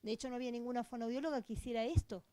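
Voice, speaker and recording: A woman with an Argentine accent lectures at a conference, her slightly high voice soft and mellow. She teaches by posing rhetorical questions and answering them herself, speaking into a microphone on stage. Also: steady tone, rapid-fire. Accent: Argentine Spanish. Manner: didactic, many rhetorical questions. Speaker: police voice-analysis expert speaker. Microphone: handheld or stand microphone.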